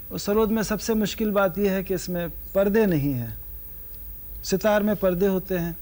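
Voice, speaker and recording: High-voiced man teaching sarod. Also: darkish tone. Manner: asks the audience questions, sings sargam syllables. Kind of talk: lecture-demonstration to students.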